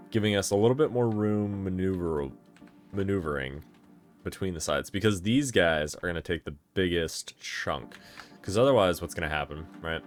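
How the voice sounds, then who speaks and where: Deep-voiced man musing over gameplay. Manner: thinking aloud, musing and self-correcting. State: tired, yawning. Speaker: gameplay streamer. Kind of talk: casual gameplay commentary.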